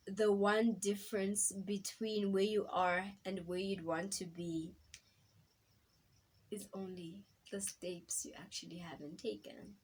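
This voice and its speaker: A woman hosting a lifestyle channel, giving an earnest, encouraging motivational talk to camera and repeating her key points. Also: medium pitch.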